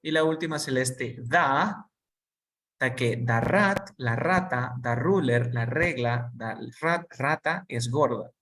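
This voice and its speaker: An English teacher, giving a basic lesson and slowly drilling each word with students. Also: medium pitch, fairly bright tone, far from the mic, slight background noise. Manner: slow and patient, repeats each word for students.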